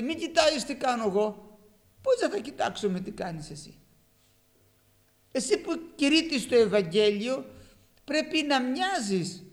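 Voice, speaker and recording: A man preaching a sermon with passion, moving between loud emphatic lines and quiet asides, with a gravelly voice. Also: very high voice.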